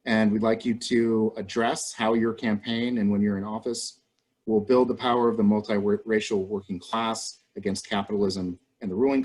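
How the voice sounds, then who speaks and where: A man's voice: fairly low pitch, darkish tone. A man moderating an online endorsement forum on a video call, polite and procedural.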